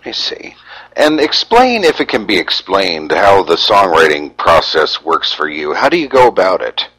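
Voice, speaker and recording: Man, very low voice, radio interviewer, stammering questions. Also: very animated, normal speed, fairly bright tone, poor audio.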